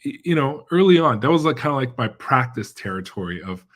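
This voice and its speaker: A man's voice: medium pitch, very animated, fairly quick. A middle-aged man, born in China and raised in the American Midwest, talking casually as a guest epidemiologist, hesitant and full of fillers and restarts. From born in China, raised in the American Midwest and central Pennsylvania. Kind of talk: casual interview chat.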